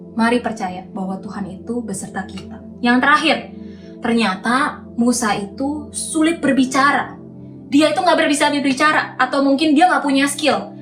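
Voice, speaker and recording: Young female youth preacher, high and animated, mic set back in an echoey room with soft music under her. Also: far from the mic. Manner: lively, mixes in English phrases, acts out quotes. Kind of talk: youth sermon.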